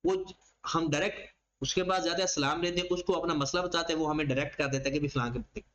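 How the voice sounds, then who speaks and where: A man teaches a class, his voice sitting high for a man. He walks through each term by asking the question aloud and then answering it, in an even teaching tone. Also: fast talker, low-quality recording. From Pakistan. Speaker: accounting lecturer. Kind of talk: classroom lecture.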